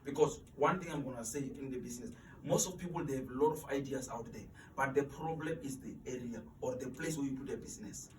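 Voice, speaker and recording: Recorded from a distance in a reverberant room with slight background noise, this twenty-something man speaks quickly and with few pauses at a medium pitch. As an interview guest giving motivational talk, he discusses mentoring students earnestly, often repeating himself while searching for words.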